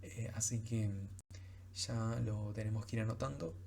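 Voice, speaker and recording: A man's voice: fairly low pitch, fairly even intonation, measured pace, vocal fry, a little mellow, slight background noise. A man teaching French pronunciation in a recorded lecture, explaining patiently with frequent fillers.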